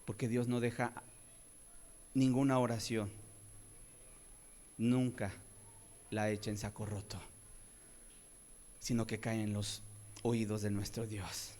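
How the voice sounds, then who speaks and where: Fervent preacher. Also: male voice, level tone, slow, long pauses. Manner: swings between soft low pleading and loud raised cries; often asks his listeners rhetorical questions. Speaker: pastor. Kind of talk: sermon.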